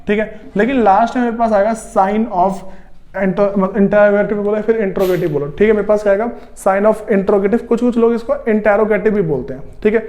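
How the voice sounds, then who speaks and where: A man teaching English grammar in Hindi, explaining step by step with many repetitions and frequent throat clearing. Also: high-pitched, mellow. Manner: explains slowly, repeats steps, often says "theek hai" and clears his throat. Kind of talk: spoken grammar lesson.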